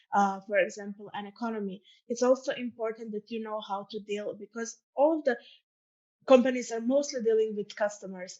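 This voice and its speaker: A young woman from Croatia with a Croatian accent, presenting her study programme as a student ambassador in an earnest, informal way with many ums and uhs. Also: medium pitch. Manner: earnest, fills pauses with um and uh. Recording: dull lo-fi sound.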